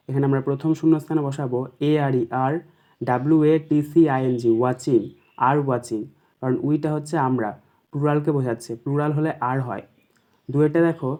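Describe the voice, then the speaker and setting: A man with a West Bengal accent teaching an exam paper, reading each English question slowly and then explaining it quickly in Bengali. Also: fairly high pitch, mellow. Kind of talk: exam paper walkthrough lesson.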